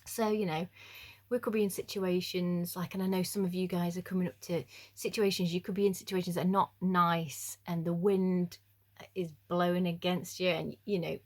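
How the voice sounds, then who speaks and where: A young woman speaks to a youth group in a relaxed, chatty way. She jokes at her own expense and fills her talk with ums and likes. Her voice sits a little low for a woman. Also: moderate pace. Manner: chatty, jokey and self-deprecating, with frequent fillers. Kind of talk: casual youth devotional talk.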